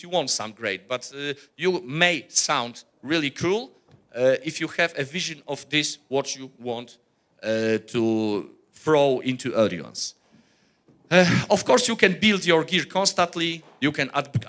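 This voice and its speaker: Delivering a workshop presentation, this rock musician from Poland has a bright, fairly high voice and an unhurried pace. His manner is blunt and earnest, full of "uh" sounds and false starts.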